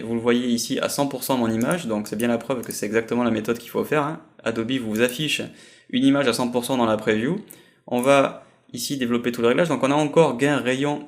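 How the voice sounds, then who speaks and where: A man records a voice-over for a software lesson, walking through each step at a desktop microphone. He pitches his voice in the middle of the usual range for a man and often pauses and hesitates while he explains. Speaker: software trainer. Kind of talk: screen-recorded tutorial.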